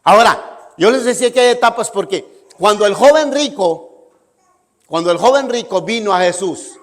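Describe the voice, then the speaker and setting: A man's voice: sits high, expressive, moderate pace. A man preaching a sermon in an emphatic style, often checking in with the congregation. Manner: emphatic, asks listeners "¿sí?" often. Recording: long hall reverb.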